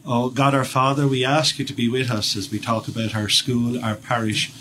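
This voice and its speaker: An Irish priest in his fifties appears as a radio guest, chatty but halting, rambling with many restarts and fillers. His medium-pitched voice is level in tone, pushed and bright, with a little hiss or hum in the recording.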